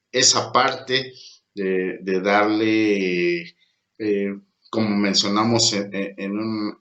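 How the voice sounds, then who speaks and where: Slow, halting teacher. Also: male voice, fairly low pitch, pushed and bright. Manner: slow, halting delivery with many fillers. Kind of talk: recorded lecture. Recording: echoey room.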